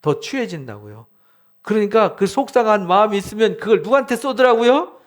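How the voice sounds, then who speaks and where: A man's voice: high voice, very animated, fairly quick. A middle-aged male pastor preaching a conversational sermon, acting out prayers and laughing now and then. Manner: laughs while speaking. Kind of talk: sermon, Bible exposition.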